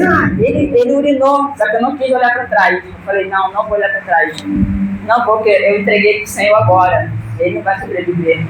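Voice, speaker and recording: A Brazilian woman giving an emotional religious testimony, fervent and swelling to near-shouts. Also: medium pitch. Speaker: church member giving testimony. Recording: echoey hall, distant mic, background noise.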